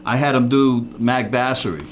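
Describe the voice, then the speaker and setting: A man's voice: mid-range voice, normal speed, a little hiss or hum. A man as a guest musician in a casual interview chat, rambling and repeating words as he tells stories. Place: local TV studio.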